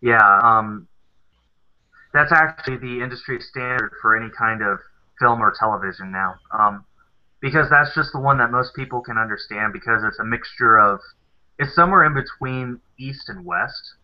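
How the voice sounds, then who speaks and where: A Southern American man co-hosts a live stream, chatting casually and explaining things at length with plenty of fillers. He has a mid-range voice and a moderate pace, and the sound is dull and lo-fi.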